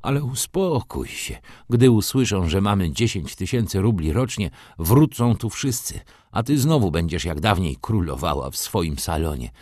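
A man's voice: low voice, lively intonation, moderate pace, few pauses, dark tone, no room sound, studio quality. A man voicing an agitated, tearful elderly nobleman father in an audiobook reading. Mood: plaintive. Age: older. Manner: emotional, exclaiming, breaking into tears.

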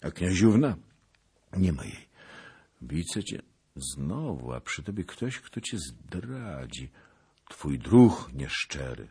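A man's voice: sing-song, slow pace, pauses often, dark tone, breathy edge, exaggerated voice. A man voicing a wild, wailing woman witch who chants and shrieks over a mill wheel. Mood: entranced. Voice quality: shrill, wailing incantations. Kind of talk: audiobook character voice.

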